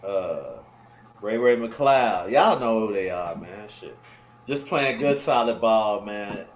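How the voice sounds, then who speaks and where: A man co-hosting a podcast, talking sports in a laid-back, drawn-out way that often trails off with "man". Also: fairly low pitch, expressive. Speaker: podcast co-host. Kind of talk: casual sports chat. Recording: roomy echo, faint background noise.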